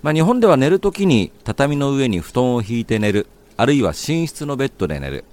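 A man's voice: mid-range voice, very animated, a little mellow. A man hosting a radio language lesson, asking friendly questions and nodding along with short replies. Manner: friendly questioning, quick nods and back-channels. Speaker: host.

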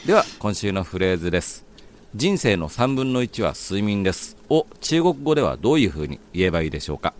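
Male host of a language segment; friendly questioner with a lowish, lively voice. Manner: friendly questioning, quick nods and back-channels. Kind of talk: radio language lesson.

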